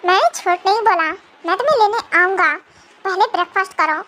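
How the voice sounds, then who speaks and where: A woman's voice: extremely high pitch, brisk, bright, forceful tone. A young woman playing a bossy mafia husband. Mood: coaxing. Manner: scolding, stern. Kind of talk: amateur fan audio drama.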